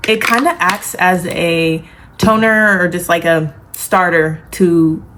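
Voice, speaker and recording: A woman with a fairly low voice chats through a makeup tutorial as if to girlfriends. Her retainer gives her speech a lisp. There is clear background noise in the recording. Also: takes it slowly, a bit bright. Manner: girly, familiar asides to viewers. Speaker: beauty vlogger. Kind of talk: casual chatty makeup tutorial.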